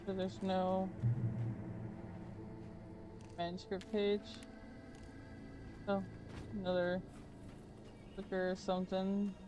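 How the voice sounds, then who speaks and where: A woman's voice: medium pitch, monotone, slow pace, long pauses, background noise. A woman streamer giving casual, chatty let's-play commentary, swearing and muttering to herself. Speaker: gaming streamer.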